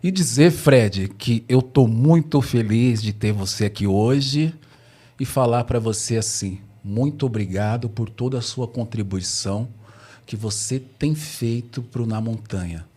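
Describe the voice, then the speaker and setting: Male podcast host, mid-pitched, deliberate, grateful tone, introducing a guest. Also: mellow, husky. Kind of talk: podcast interview, read-out introduction.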